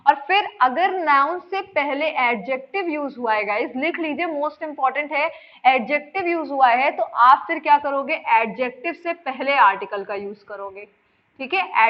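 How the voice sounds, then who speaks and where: A woman teacher explaining grammar in a lesson, repeating points and quizzing her students with questions. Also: sits high. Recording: dull lo-fi sound.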